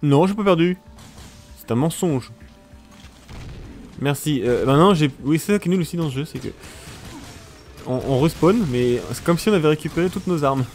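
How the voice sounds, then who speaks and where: Playful male let's-player, talks to viewers, swings up and down in pitch, soft music under him. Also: expressive, moderate pace, long pauses. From France. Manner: joking, exclaims at the action, talks to viewers. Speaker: let's play commentator. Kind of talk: casual gameplay commentary.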